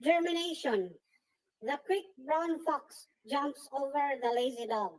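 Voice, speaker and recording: A man reading a test sentence through a voice changer that shifts his pitch up and down. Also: lively intonation, measured pace. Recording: distant roomy voice with long reverb.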